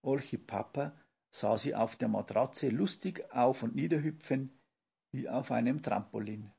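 A man narrating a children's audiobook in slow, measured storytelling, on a dull lo-fi recording. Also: medium pitch, gravelly, breathy edge.

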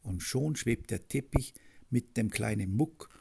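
A man reading a children's story aloud, with a slow, gentle storybook manner and a husky, gravelly voice. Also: mid-range voice, animated, slight background noise.

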